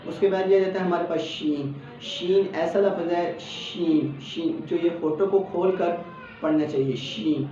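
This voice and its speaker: A man with a Pakistani Urdu accent teaching Quran letter pronunciation, patiently explaining each letter and then saying it slowly as a model. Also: a little high, dark tone. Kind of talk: step-by-step pronunciation lesson. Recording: echoey, distant, dull lo-fi sound with faint background hum.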